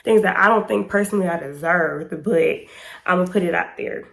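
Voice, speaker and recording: Her voice runs on the low side yet fairly bright, at a moderate pace, though pollen leaves it stuffy and slightly hoarse. She's an American woman in her 20s vlogging a storytime to camera in a chatty, slangy, emphatic way.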